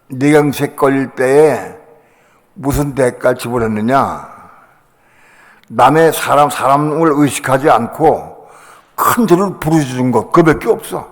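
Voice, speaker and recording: An older man, a pastor, telling a personal story in a sermon, acting out other voices with sudden loud bursts. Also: medium pitch. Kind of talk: sermon testimony. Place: church sanctuary. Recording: long hall reverb.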